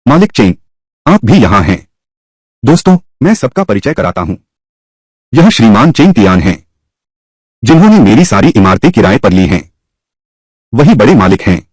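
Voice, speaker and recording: A man dubs a whole drama alone, voicing each role in turn. His voice is husky and his pitch swings widely between characters. The recording is dry and close. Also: big pitch swings, normal speed, pauses often, a little mellow, no room sound. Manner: voices every character himself with shifting pitch. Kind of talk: single-voice dub of a drama.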